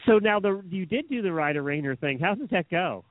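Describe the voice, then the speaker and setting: A man's voice: sits high, animated, fairly quick, dry recording. Joking male radio co-host, tinny line. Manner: easygoing, joking, chatty. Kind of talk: casual radio chat. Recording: tinny phone-line sound, dry.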